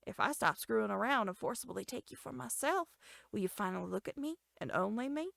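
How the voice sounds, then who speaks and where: A woman voicing a possessive, coldly menacing young man in a game, speaking low, quiet and controlled. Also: expressive, a little fast, vocal fry, no room sound, studio quality, full character voice. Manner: cold, possessive and threatening. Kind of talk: game dialogue voice acting.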